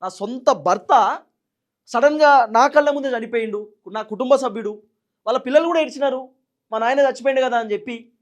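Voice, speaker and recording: A man's voice: very high-pitched, normal speed. A man with a Telangana Telugu accent giving political commentary, firing off indignant rhetorical questions.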